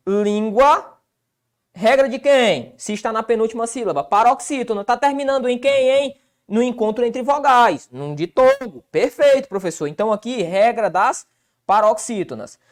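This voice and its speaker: A man's voice: very high voice, expressive, moderate pace. A man with a Brazilian accent teaching an exam-prep grammar lesson, colloquial and answering his own rhetorical questions. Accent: Brazilian Portuguese.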